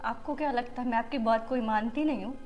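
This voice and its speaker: An actress playing a stubborn, quick-tempered young daughter-in-law who argues and sulks in a family drama. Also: female voice, darkish tone, soft background music, natural voice. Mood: pleading. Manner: sulky and argumentative, pitch jumps when upset. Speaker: actress in a family short film. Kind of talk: Hindi short-film drama acting.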